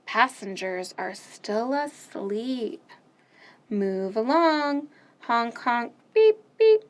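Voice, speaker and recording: Her pitch fairly high and her pace extremely slow, a woman hosts a children's storytime. She reads picture books aloud and sings nursery songs animatedly in a sing-song style, with loud, playful sound effects.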